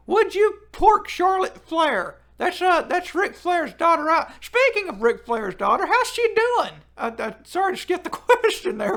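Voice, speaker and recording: A man putting on a high, swaggering wrestling-fan loudmouth. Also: exaggerated voice. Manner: crude, swears freely, excitable outbursts. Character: brash loud-mouthed male wrestling fan persona. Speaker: livestream host reading chat. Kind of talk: chatty live-stream commentary.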